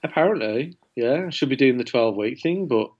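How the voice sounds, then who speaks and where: A man's voice: medium pitch, lively intonation, brisk, a little mellow, highs cut off. A man with an English accent, a rock singer guesting on a podcast, talking dryly and swearing casually over a video call. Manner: dry, wry, swears casually. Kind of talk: casual chat over drinks.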